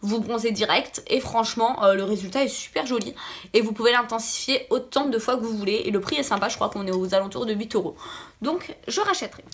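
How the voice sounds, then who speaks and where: A woman with a fairly high voice and a noticeable lisp that makes her s sounds slushy. She sounds a little sick and talks casually to her viewers as a beauty vlogger, repeating words for emphasis. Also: quick pace. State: slightly sick voice. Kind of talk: casual product review chat to viewers.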